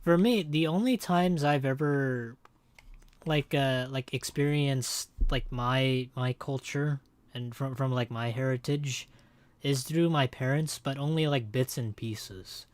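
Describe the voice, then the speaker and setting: This young male streamer talks slowly in a medium-pitched voice, and there's no room sound. He has an American accent, having been born in Hong Kong and raised in the United States, and he chats casually while gaming, rambling with frequent fillers and restarts.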